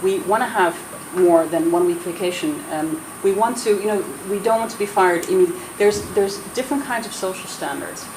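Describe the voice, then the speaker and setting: This roundtable speaker talks fairly quickly at medium pitch with hardly any pauses. Born in the Netherlands and raised in the US, she has an American accent and speaks earnestly and persuasively despite many restarts, in an echoing, noisy space.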